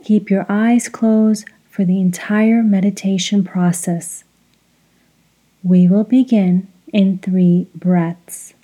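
Slow, very mellow breathy woman. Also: mid-range voice, fairly even intonation. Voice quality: soft, breathy. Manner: measured, instructional, pausing between short phrases. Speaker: guided meditation instructor. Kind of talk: slow guided meditation with recitation.

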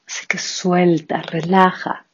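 A yoga instructor leading a guided breathing meditation, giving calm, soft-spoken instructions and counting out breaths. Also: mid-range voice, takes it slowly, husky. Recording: dull lo-fi recording.

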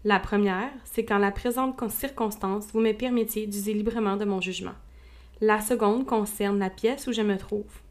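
A dry, placid older father from a storybook who speaks with calm indifference, as a woman reader puts him on. His words come out measured and unhurried. It is read aloud as part of a classic novel. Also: medium pitch, lightly acted.

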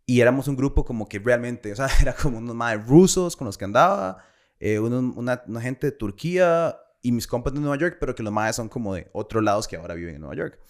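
Brief: young Costa Rican guy, mid pitch, animated slangy storyteller who laughs a lot. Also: quick pace. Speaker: podcast co-host. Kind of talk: casual storytelling.

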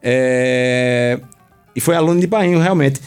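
A man's voice: medium pitch, takes it slowly, smooth, faint music behind. A man with a Paraíba accent from Northeastern Brazil, co-hosting a radio show with slangy, joking, informal chat. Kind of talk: casual humorous radio chat.

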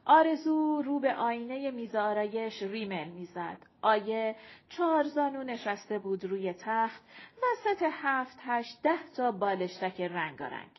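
A woman reading an audiobook aloud with expressive, measured storytelling. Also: fairly high pitch. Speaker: audiobook narrator. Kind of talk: scripted narration. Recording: muffled lo-fi recording.

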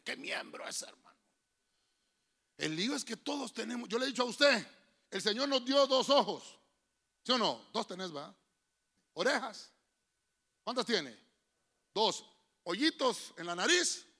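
A man preaching a lively sermon to a church congregation in a Honduran accent, quizzing the listeners and swinging from loud calls to low whispers. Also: vocal fry. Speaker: pastor.

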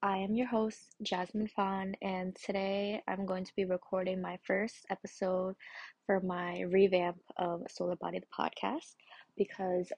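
A woman hosting a casual solo podcast, sounding stoned and scattered, with a husky, slightly breathy voice. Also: mid-range voice, little pitch movement, a little slow, a little mellow. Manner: stoned, giggly and scattered, losing her thread. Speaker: podcast host.

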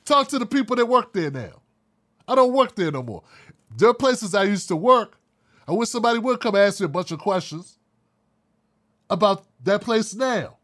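A man with a fairly high-pitched voice delivers a blunt, heated opinion monologue. He rants in casual, profane talk and mocks others in quick put-on voices. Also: expressive, fairly bright tone. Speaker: commentary show host.

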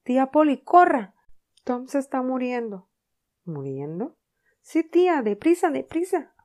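A woman's voice: fairly low pitch, moderate pace, mellow, lightly acted. A woman voicing an anxious young boy worried about his brother, calling out urgently. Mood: alarmed.

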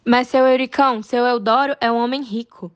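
A woman playing a quick-tongued, teasing young maid in a stage play. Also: fairly high pitch, fairly even intonation, highs cut off, close to an everyday voice. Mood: cajoling. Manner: teasing, cajoling.

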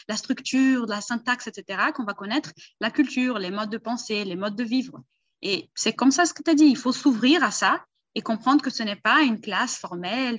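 A woman interviewing a guest in a calm, agreeable and measured way during a casual conversation. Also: medium pitch, lo-fi sound.

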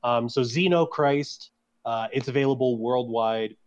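A man chats as a podcast guest, rambling and circling back on his points with plenty of fillers. His voice sits at an ordinary mid pitch, and the recording has a dull, lo-fi quality. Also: unhurried. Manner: rambling, many fillers and restarts. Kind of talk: casual podcast chat. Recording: dull lo-fi sound.

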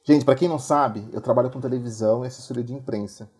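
Homem de voz escura fazendo pergunta. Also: male voice, medium pitch, fast, a little mellow. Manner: polite, orderly questioning. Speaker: TV and press relations professional. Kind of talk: asking a question in an online audio room.

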